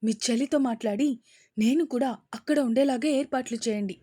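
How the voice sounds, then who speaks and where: A woman voicing a spoiled, scheming young woman who rants loudly on the phone at her father. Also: fairly high pitch, normal speed, dry recording, clean studio sound, close to an everyday voice. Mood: angry ranting. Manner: loud, angry ranting.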